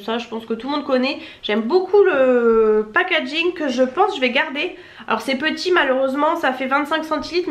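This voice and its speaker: A woman's voice: sits high, a bit bright. A young woman with a Marseille accent chatting casually to camera as a family vlogger, rambling and correcting herself as she unboxes. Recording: echoey room with faint noise.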